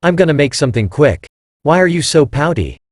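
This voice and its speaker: A cool, evasive middle-aged wife, voiced plainly by a male reader. Her lines rise and fall in a lively way and sit close and dry, with no room sound around them. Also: on the high side, a little fast, no echo.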